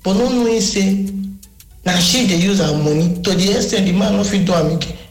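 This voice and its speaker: A woman's voice: mid-range voice, brisk, a little mellow. Woman caller in a voice note played on air, Nigerian Pidgin accent, roomy echo, storytelling delivery. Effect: recorded voice message played on air. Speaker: radio listener sending a message. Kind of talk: personal story told by phone message.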